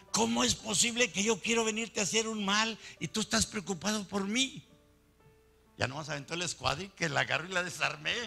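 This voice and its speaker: An older man in his sixties gives a preached testimony with a gravelly, raspy edge and a slightly raised pitch. He tells his story in an animated way, with chuckling asides. Soft music plays faintly behind him. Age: 60s. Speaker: church brother giving testimony.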